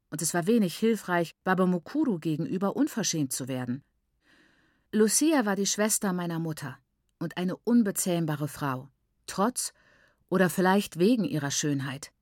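A woman reads a novel aloud in a measured, steady storytelling manner. Her voice sits low for a woman, and the recording is dry and close with no room sound. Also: no room sound. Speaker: audiobook narrator. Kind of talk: scripted narration.

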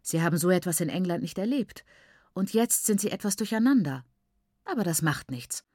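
A prim, chattering mother, voiced by a woman reading a novel aloud. She lectures on manners in a brisk, falsely cheerful tone, pitched a little above the reader's own low voice. The recording is close and dry. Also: animated, darkish tone, no echo. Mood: chatty.

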